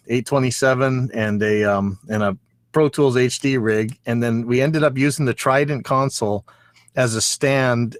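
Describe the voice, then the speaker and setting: A man's voice: mid-range voice, fairly bright tone, dry recording. Rambling man chatting, dry close sound. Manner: rambling, repeats phrases as he goes. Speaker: recording engineer. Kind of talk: casual chat, anecdotal storytelling.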